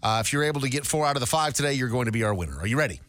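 A man's voice: medium pitch, lively intonation, rapid-fire, a bit bright, soft background music. A male radio host running a light call-in guessing game with upbeat, joking banter. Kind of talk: casual radio game segment.

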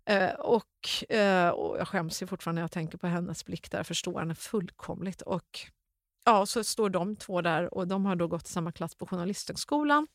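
Brief: middle-aged woman guest, animated storyteller who laughs and acts out dialogue, close dry sound. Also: on the low side, no room sound. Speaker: interview guest, author. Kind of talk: personal storytelling in a podcast chat.

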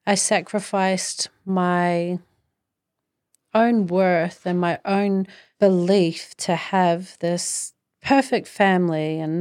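A woman's voice: fairly low pitch, creaky, a little mellow. A middle-aged woman with a New Zealand accent hosting a podcast, telling a personal story in an earnest, reflective way with emphatic phrasing. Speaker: podcast host.

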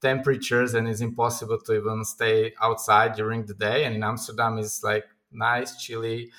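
A man's voice: lowish voice, flat delivery, normal speed, sharp tone. A man talking as a guest on a podcast from his own apartment over a video call, hesitant with many restarts and fillers. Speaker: guest, company founder. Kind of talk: casual interview chat.

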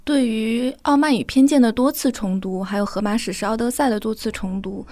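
A woman hosting a podcast, opening the episode and putting questions to her guests in a clear, orderly way. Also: fairly high pitch, fairly quick, darkish tone, no echo. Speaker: podcast host. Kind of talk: scripted podcast introduction.

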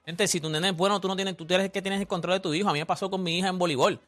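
Fast, bright-voiced Puerto Rican man. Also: sits high, faint music behind. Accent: Puerto Rican Spanish. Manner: animated, talks over others, acts out quotes. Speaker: radio sports talk host. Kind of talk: casual sports talk.

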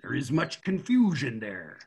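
A man playing a gruff old lighthouse keeper who growls in pirate-style sailor talk. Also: medium pitch, huge pitch swings, unhurried, darkish tone, full character voice. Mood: confiding.

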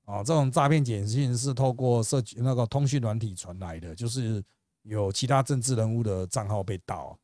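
A man with a Taiwanese Mandarin accent hosting a podcast, telling funny stories in a casual, animated way, often laughing and swearing casually. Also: mid-range voice, normal speed, no echo, studio quality. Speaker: podcast host. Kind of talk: casual storytelling chat.

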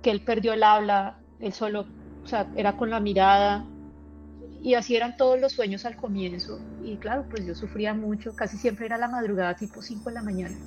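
A woman's voice: medium pitch, fairly even intonation, music in the background, poor audio. A woman, telling personal experiences in a casual interview, earnest and emotional. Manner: earnest, emotional, halting storytelling. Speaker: guest sharing personal experiences.

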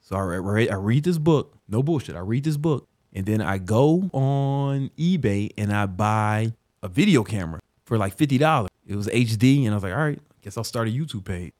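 A man in his thirties, hosting a casual talk ranking business books, swearing freely and telling stories with animated, self-mocking laughs. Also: on the low side, moderate pace, no room sound, clean studio sound. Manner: profane, loose and streetwise; animated storyteller who laughs at himself.

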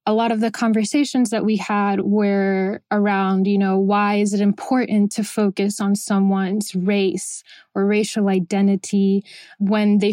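A woman's voice: medium pitch, mellow, no echo. Young woman from venezuela, grew up in miami, talks thoughtfully, slips in spanish words, dry recording. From Venezuela, raised in Miami. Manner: reflective, mixes in Spanish words. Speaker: bookstore founder. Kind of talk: personal interview testimony.

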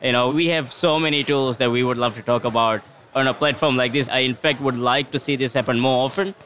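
A man who runs technology operations answers interview questions earnestly and steadily, using filler words. His mid-range voice moves at a brisk pace.

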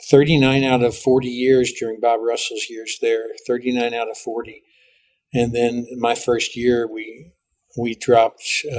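A middle-aged man, a pastor, talking as a guest in a podcast interview and telling lively stories with frequent restarts. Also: medium pitch. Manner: animated storytelling with lots of restarts.

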